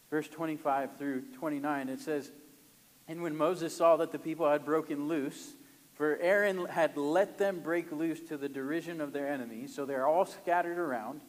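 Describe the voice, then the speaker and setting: A man preaches with dramatic emphasis, lingering on scripture and breaking into light chuckles. His voice sits a bit high for a man. The sound carries a long reverb, as if in a large hall. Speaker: pastor. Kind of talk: sermon with scripture reading.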